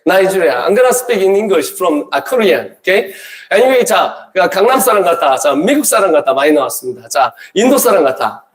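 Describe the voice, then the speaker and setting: A man's voice: sits high, very animated, measured pace. A man in his forties, a missionary giving a joking talk at a church gathering, quizzing the audience and slipping into English. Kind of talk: humorous church talk to a crowd. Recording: echoey hall.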